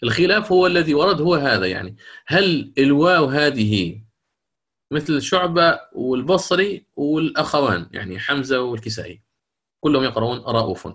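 A man's voice: medium pitch, expressive, a bit bright, breathy edge. Man teaching Quran readings. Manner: explains readings, then recites verses slowly with melodic chant; careful explanatory, hesitant fillers. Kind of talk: online Quran readings lesson.

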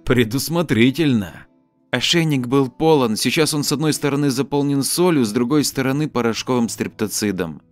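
A man reading an audiobook in measured, even scripted narration. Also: medium pitch, soft background music.

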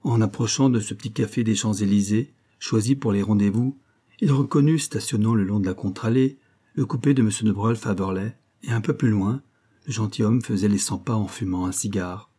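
A man narrating a classic novel as an audiobook, in a measured storytelling manner. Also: lowish voice, warm tone. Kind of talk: scripted literary narration.

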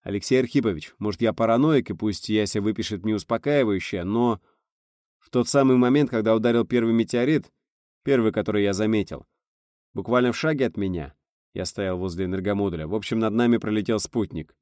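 A man voicing a brash young male lunar pilot, blunt and loud. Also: lowish voice, fairly quick, no echo, clean studio sound, close to an everyday voice. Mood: wary. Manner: blunt, excited shouting.

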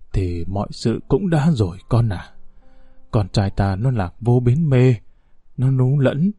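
A man voicing a gentle 105-year-old grandfather who pleads in a trembling, soft voice. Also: mid-range voice, husky, no echo.

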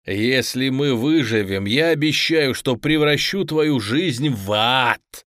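A menacing tough guy, as a male reader plays him, speaking slowly and with threat. The voice stays mid-pitched and the room is dry. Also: fairly bright tone, no echo. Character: tough man threatening a captive.

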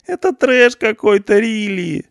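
A shrill, squealing teenage punk boy, whining and begging in street slang from behind bars. His voice jumps far above the reader's own and swings wildly. It is loud and near-shouting in a storybook reading. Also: lively intonation, unhurried, creaky, no echo, studio quality, heavily acted. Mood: panicky. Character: panicky whiny teenage punk boy in jail.

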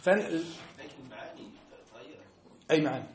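A man's voice: a little high, lively intonation, slow pace. A man with a North African Arabic accent teaching a religious class. He is emphatic and keeps asking his listeners whether they have understood. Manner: emphatic, keeps checking understanding with rhetorical questions. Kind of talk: classroom lesson. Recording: echoey room.

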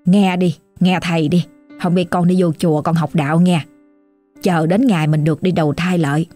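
A woman voicing an older male spirit master in a ghost story, coaxing and gentle, with a Southern Vietnamese accent. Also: on the low side, fairly even intonation, normal speed, soft background music, voice pushed down, close to an everyday voice. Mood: soothing.

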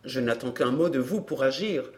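A woman's voice: extremely low pitch, animated, moderate pace, darkish tone, voice pushed down. A woman reading an audiobook, voicing an earnest young man eager to serve the heroine.

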